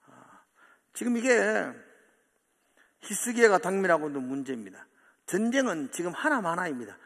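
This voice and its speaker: A man's voice: high voice, normal speed, in a large hall. A man preaching a sermon as pastor, animatedly acting out the words of the people in the story. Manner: animated, acting out quoted taunts and pleas. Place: church sanctuary.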